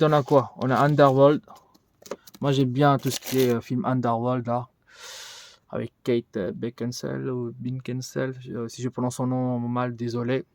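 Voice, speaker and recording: A man's voice: mid-range voice, no room sound. A man giving a casual vlog tour of his collection, rambling and thinking aloud with many fillers. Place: indoors in a collection room.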